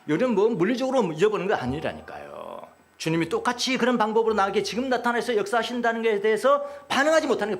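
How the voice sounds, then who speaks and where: A middle-aged male pastor preaching a sermon, emphatic and repetitive, dropping now and then to hushed asides. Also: sits high.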